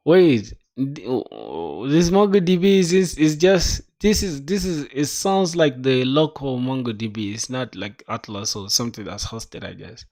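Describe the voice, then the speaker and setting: In a casual coding livestream, a young man with a mid-range voice speaks at a measured pace. He's slangy and calls his viewers "bro," muttering through documentation while thinking aloud and occasionally breaking into excited outbursts.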